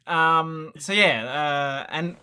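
A man in his thirties with a bright, forward voice talks games in a loose, casual chat. He wanders through his points, full of "um"s, "like"s and false starts. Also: a little high, extremely slow, smooth. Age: 30s. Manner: rambling, many fillers and restarts. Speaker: podcast co-host.

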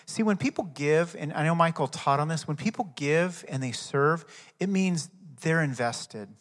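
A man preaching a sermon as pastor, emphatic, swelling loud and dropping to a soft prayer tone, in a hall with long reverb. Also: fairly high pitch, animated, moderate pace.

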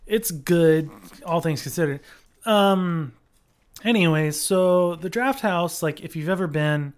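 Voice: mid-range voice, slow, clear, resonant tone. Profane, ranting podcast co-host. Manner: rambling with many fillers. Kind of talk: casual podcast chat.

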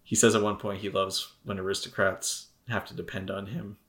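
A man's voice: on the low side, little pitch movement, moderate pace, a bit bright. A man co-hosting a podcast in casual chat, rambling and joking, often trailing off mid-thought. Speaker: podcast co-host.

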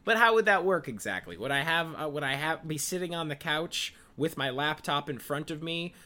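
Sleepy laid-back man with lively pitch. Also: normal speed. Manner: laid-back, laughs often, rambling with fillers. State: tired and sleepy. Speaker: podcast co-host. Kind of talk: casual chat.

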